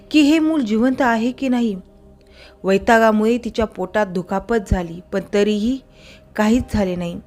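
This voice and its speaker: A woman telling a traditional story in a casual, conversational way, now and then correcting small slips as she goes. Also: mid-range voice.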